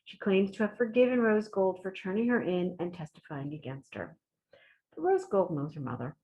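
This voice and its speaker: A woman on library staff, reading book blurbs aloud with lively emphasis and chatting casually about new novels. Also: mid-range voice, moderate pace, lo-fi sound. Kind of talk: casual book recommendation chat.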